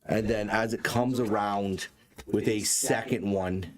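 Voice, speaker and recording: A man's voice: on the low side, steady tone, measured pace, darkish tone, a little hiss or hum. A man running a tabletop game as dungeon master, narrating in a casual, stop-start way with frequent swearing.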